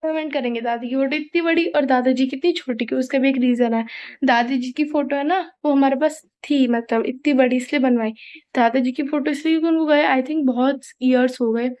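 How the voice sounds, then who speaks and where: A woman's voice: high-pitched, brisk, darkish tone, dull audio. A young woman chatting casually in a home vlog, rambling and apologetic, with a sore throat. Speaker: vlogger. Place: family home, indoors.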